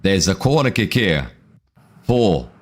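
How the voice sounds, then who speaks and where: Slangy low-voiced man hosting a match stream. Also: big pitch swings, takes it slowly. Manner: casual and slangy, addresses viewers as chat and bro; reads out viewer comments between reactions. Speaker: watchalong stream host. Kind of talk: live football watchalong commentary.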